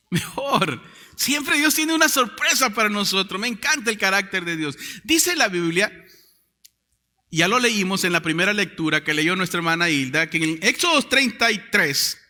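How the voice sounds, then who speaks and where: A man preaching a sermon as pastor, calling out to his congregation to repeat words, swinging from loud proclamations to quiet low lines. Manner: preaching with call-and-response to the congregation. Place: church sanctuary. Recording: church hall reverb.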